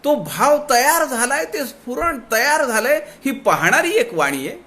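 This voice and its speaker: A man with a Marathi accent giving a devotional discourse, drawing out quoted verses slowly. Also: very high-pitched, very animated, pushed and bright. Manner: slows to draw out quoted verses. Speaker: spiritual discourse speaker. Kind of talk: devotional discourse explaining scripture.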